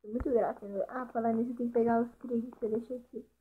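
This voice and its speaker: A woman's voice: fairly high pitch, little pitch movement, fast talker, husky. A woman chatting casually through Minecraft gameplay, talking to the animals and to her viewers as she plays. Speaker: gaming channel host. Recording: tinny lo-fi mic with faint hiss.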